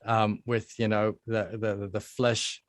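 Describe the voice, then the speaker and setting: A musician answering interview questions bluntly over a laptop microphone, with plenty of fillers. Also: male voice, on the low side, little pitch movement, unhurried, no echo, clean studio sound. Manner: blunt and defiant, with many fillers. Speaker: musician guest. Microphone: laptop microphone on a call.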